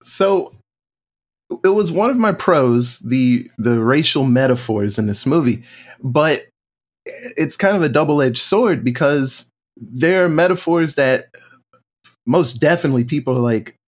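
A man guesting on a movie podcast, speaking in a measured, thoughtful way with pauses. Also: mid-range voice, lively intonation. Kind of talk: casual movie discussion.

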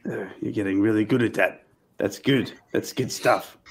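A man playing a tabletop role-playing game in casual improvised talk, halting and wordy. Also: fairly low pitch, steady tone.

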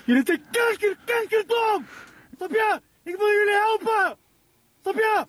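A man in a played online video, shouting a frantic rant to sell a device. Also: very high-pitched, unhurried. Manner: screaming, ranting.

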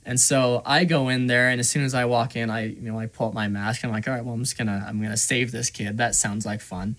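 On a podcast, a co-host with a mid-range voice talks fast, retelling a video game quest in casual chat. An animated storyteller, he acts out voices and peppers his speech with "like" and "you know."

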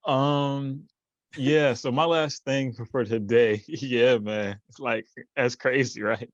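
A man's voice: medium pitch, fairly even intonation, takes it slowly, dry recording, highs cut off. A man as a podcast guest in casual chat, rambling with many fillers and restarts and laughing often. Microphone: remote recording.

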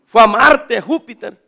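A pastor preaching a sermon, animated, calling his listeners brothers and acting out the voices of people in his stories. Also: very high voice, vocal fry. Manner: acts out quoted voices.

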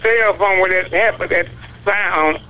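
A man calling in to a radio show, heard over a phone line, halting and stammering as he repeats his words. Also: high voice, pushed and bright. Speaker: caller. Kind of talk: call-in chat on a radio show.

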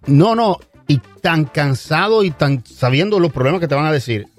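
A man's voice: on the high side, lively intonation, normal speed, soft background music. A man interviewing a candidate, talking hesitantly and repeating words as he searches for them. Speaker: interviewer, former campaigner.

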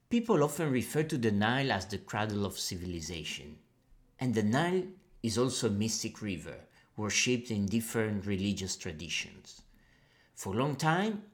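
A man hosting a podcast, a lecturer and researcher reading a scripted introduction in a measured way. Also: fairly low pitch. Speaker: podcast host. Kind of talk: scripted narration.

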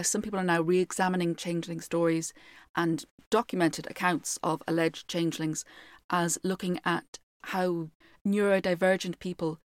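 A woman's voice: fairly low pitch, no echo, studio quality. A woman with a lilting Irish accent, speaking as a storyteller to her listeners. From Ireland. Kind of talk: storytelling with informal commentary to listeners.

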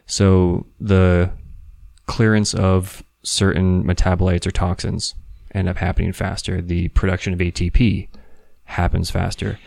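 A man's voice: deep voice, flat delivery, unhurried, vocal fry, darkish tone, no room sound. A man talking casually and explaining things as a podcast co-host.

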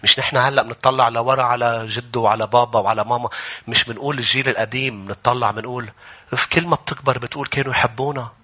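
Male pastor, forceful, driving preaching that swells into shouts. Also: mid-range voice, steady tone, racing. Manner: impassioned preaching, often rising to shouts. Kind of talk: sermon.

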